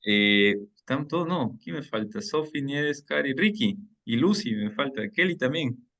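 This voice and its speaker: A man's voice: mid-range voice, expressive, measured pace, a bit bright. A man moderating an online reading club meeting. He talks in a friendly, chatty way, chuckles often and explains things at length.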